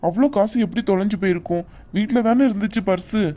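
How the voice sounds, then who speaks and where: A woman's voice: medium pitch, quick pace, warm tone, close to an everyday voice. A woman voicing a hot-tempered young man in a cartoon, scolding his family with indignant outbursts. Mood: annoyed. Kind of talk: animated cartoon voice acting.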